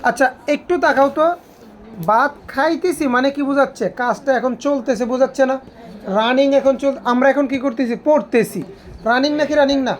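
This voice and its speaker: Woman teacher, high-pitched, drills the class with repeated questions. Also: normal speed. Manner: asks students repeated questions. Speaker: English teacher. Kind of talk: classroom grammar lesson.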